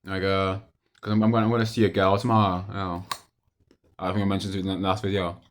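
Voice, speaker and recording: Casting: young adult male vlogger, lower-pitched, casual and hesitant, loops back over his own phrases. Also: little pitch movement, quick pace. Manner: hesitant, repetitive, with trailing thoughts. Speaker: video diarist. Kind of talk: casual rambling monologue to camera.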